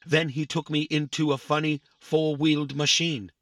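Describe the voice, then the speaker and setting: A man's voice: fairly high pitch, flat delivery, normal speed, fairly bright tone, no echo. A man voicing a literal-minded young boy robot in a family audio drama, stating times down to the millisecond. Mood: earnest. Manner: pedantic, counts exact milliseconds.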